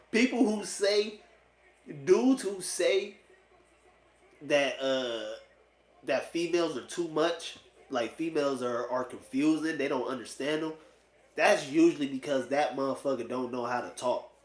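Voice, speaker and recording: A man in his late twenties, a vlogger sharing dating opinions, speaks in a slightly high, animated voice at a measured pace. His monologue is blunt, slangy, and profane, with phrases casually repeated for emphasis, and the room sounds echoey.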